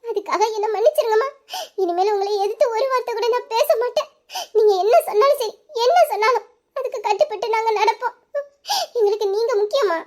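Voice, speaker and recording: A woman's voice: very high voice, fast talker, hardly any pauses, mellow. A woman playing a young adult daughter in a family drama, speaking in an earnest, apologetic and affectionate manner. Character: Nila, grown daughter, loving and apologetic. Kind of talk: emotional family drama acting.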